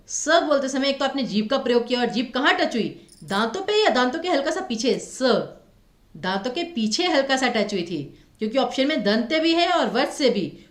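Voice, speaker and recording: A woman teacher with a Himachali Hindi accent giving an exam-prep grammar lecture, asking students questions and sounding out letters slowly. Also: sits high, roomy sound.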